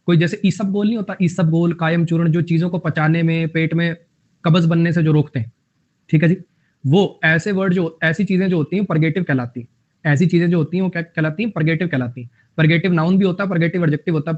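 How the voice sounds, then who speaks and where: A man's voice: a little high, darkish tone. A young man teaching a vocabulary lesson, repeating phrases and making up jokey memory tricks. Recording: dull lo-fi audio.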